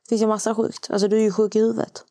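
A woman from Malmö, a guest friend on a podcast, chatting casually and telling stories with animated quoted voices. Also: mid-range voice. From Sweden, Malmö. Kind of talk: casual chat.

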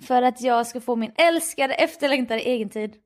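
A tired woman chatting casually, telling a story with lots of laughter and acted-out dialogue. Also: on the high side. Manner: animated storyteller, acts out dialogue, laughs often. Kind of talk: casual chat.

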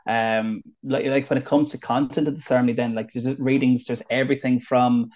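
A man's voice: medium pitch, fairly even intonation, a little fast, darkish tone. A man with an Irish accent, a wedding celebrant from the northwest of Ireland, chatting in an interview with lots of fillers and restarts. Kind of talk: casual interview chat. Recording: dull lo-fi audio.

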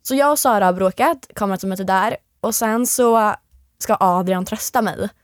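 A young woman guesting in an interview, who once competed on a reality show, energetically tells a story and plays out what other people said. Her voice is medium-pitched, with clean studio sound and no room sound.

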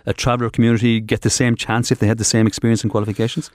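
A man's voice: lowish voice, level tone, rapid-fire, darkish tone, dry recording, clean studio sound. An older man, moderating and putting questions to a panel. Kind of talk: interviewing a panel.

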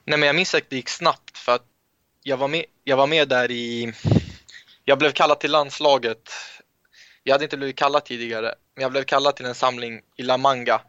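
Young man, interview guest, halting storyteller with restarts; dull dry recording. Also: mid-range voice, steady tone, bright, forceful tone, no echo. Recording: muffled lo-fi sound, dry.

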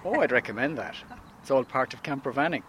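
A man's voice: mid-range voice, animated, fast talker, fairly bright tone. A man from Galway with a west of Ireland accent, giving casual interview answers. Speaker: camper van holidaymaker interviewed. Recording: faint outdoor background noise.

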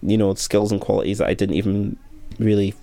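A man's voice: lowish voice, flat delivery, a little fast, creaky, warm tone. A young man who teaches primary school, talking earnestly and thoughtfully about his work in an interview. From Scotland. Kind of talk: reflective interview talk.

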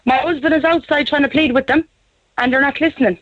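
Irish woman, young, caller on a thin phone line, anxious, quick and pleading. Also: sits high, fairly even intonation. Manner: pleading, repeats "to be honest". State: anxious and shaken. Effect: heard over a phone line. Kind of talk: radio phone-in call. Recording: tinny phone line on radio.

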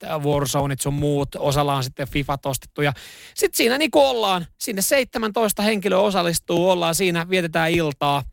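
A man co-hosting a radio talk show, rambling through stories in relaxed chat with plenty of fillers and easy laughter. His voice sits fairly high for a man and is captured dry and close to the mic, with no room sound. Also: vocal fry, no room sound. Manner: chatty, laughing storyteller with many fillers. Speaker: radio co-host. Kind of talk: casual chat.

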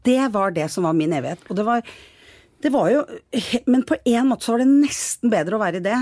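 Husky-voiced Norwegian woman telling a story. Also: a little high, dry recording. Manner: lively storyteller, acts out voices. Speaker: podcast co-host sharing her story. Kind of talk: casual conversation.

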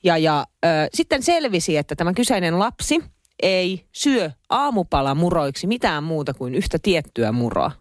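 Chatty cohost, reacts a lot, pitch all over the place, dry sound. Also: dry recording. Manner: expressive, quick reactions. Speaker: podcast co-host. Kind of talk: casual chat.

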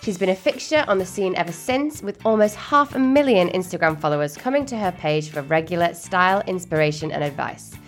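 Polished, low-pitched woman hosting a podcast. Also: lively intonation, brisk, hardly any pauses, soft background music. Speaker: podcast host. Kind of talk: scripted introduction and interview hosting.

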